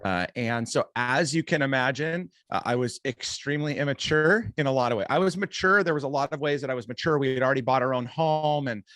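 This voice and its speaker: A man's voice: medium pitch, fairly quick, hardly any pauses, fairly bright tone, no room sound. A man guesting on a podcast, a coach and speaker telling his own story in an open, candid way. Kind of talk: conversational interview storytelling.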